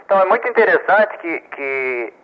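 A man's voice: high-pitched, sing-song, moderate pace. Man teaching over tinny radio. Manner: patient, repetitive, stammers on words, checks with "ok?" and "né?". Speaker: telegraphy instructor. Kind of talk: explanatory lesson.

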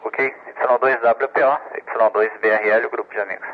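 A man hosts a ham radio net, his voice coming through a two-way radio, thin and tinny like a phone line. He talks casually, stumbling over repeated words and often checking in with his listeners. His pitch sits in the middle range. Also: steady tone, a little hiss or hum. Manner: chatty, halting repeats, frequent "ok?" check-ins. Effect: heard over a two-way radio transmission. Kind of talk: casual on-air announcements. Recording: tinny narrowband radio transmission.

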